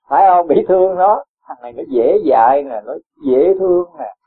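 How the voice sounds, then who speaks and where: Buddhist teacher, man, husky, gently admonishing; tinny phone-like recording. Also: fairly high pitch, expressive, normal speed. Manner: gently admonishing, rhetorical questions, chuckles. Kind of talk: question-and-answer dharma talk.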